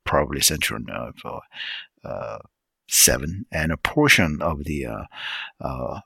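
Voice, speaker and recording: Brief: very low, gravelly male voice with a husky edge, halting solo lecturer full of fillers. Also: expressive, pushed and bright, no echo. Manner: halting, many fillers, checks pronunciations aloud. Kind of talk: casual unscripted lecture.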